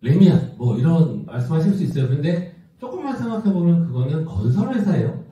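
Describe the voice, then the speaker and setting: Very animated and fairly fast, a Korean executive around fifty delivers a conversational business talk in a large indoor event room, peppering listeners with rhetorical questions. His voice runs high and mellow, recorded from afar in a muffled, echoing hall.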